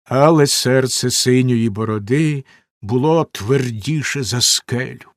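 A man reading a fairy tale aloud as a storyteller, in an expressive, dramatic style. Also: mid-range voice, slow, dry recording, clean studio sound. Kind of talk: scripted fairy-tale narration.

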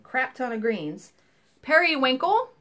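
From her small home craft room, a woman in her thirties chats through a cross-stitch haul on a webcam, her high voice sharp and very animated yet unhurried. It's a casual show-and-tell, full of enthusiasm and rambling asides.

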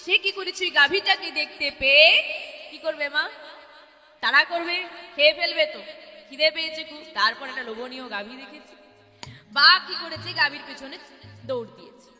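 A woman's voice: high-pitched, normal speed, long pauses, pushed and bright, in a large hall, faint music behind. A woman kirtan singer telling a devotional story as a sermon, repeating words for effect and addressing listeners as mother and father.

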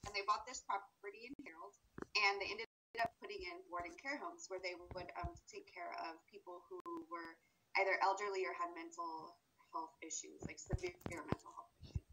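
A woman's voice: on the low side, steady tone, fairly quick. A woman teacher talking chattily to her class, laughing now and then. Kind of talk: lesson on a video call. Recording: noisy recording.

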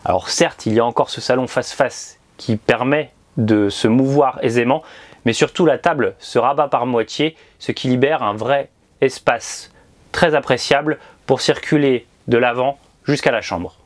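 A man in his thirties, speaking at normal speed in a mid-range voice, presents a scripted motorhome review on a lapel mic with precise, presenter-like delivery. He begins inside the motorhome and finishes outdoors by the roadside.

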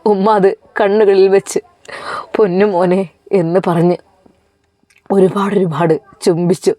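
Mellow-voiced woman telling a story. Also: mid-range voice, fairly even intonation, normal speed, dry recording. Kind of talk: emotional story narration.

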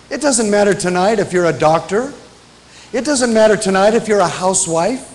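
A middle-aged man preaches from the pulpit of a large church. His voice sits high for a man, and he repeats his main points with emphasis, slowing down when he reads scripture. He speaks into a pulpit microphone. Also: poor audio. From grew up in Africa. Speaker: pastor, guest missionary preacher. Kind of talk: sermon.

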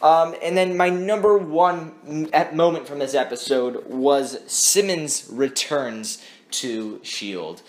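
A man's voice: on the high side, takes it slowly. A young man hosting a casual TV episode review, rambling with many restarts and fillers. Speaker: host of a TV review channel.

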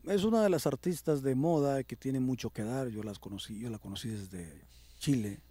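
A man, a songwriter guest speaking in a casual interview, reflective and grateful, often pausing on "este". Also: medium pitch, mellow, husky, dry recording.

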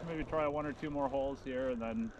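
A man's voice: mid-range voice, brisk, lo-fi sound. Easygoing man with outdoor noise. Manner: easygoing, often quiet and trailing off. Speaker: fishing buddy. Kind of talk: casual conversation. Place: outdoors on a frozen lake.

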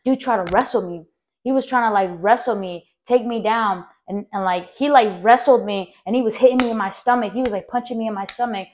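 A young adult woman hosting a podcast, telling a personal story in a rambling, animated way with lots of fillers and direct asides to her listeners. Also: a little high, brisk, slight background noise. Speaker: podcast host.

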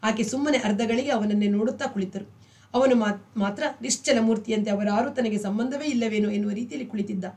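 A woman narrating a novel as an audiobook reader, steady and measured. Her voice sits fairly high, and she sounds somewhat far from the microphone. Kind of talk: novel reading.

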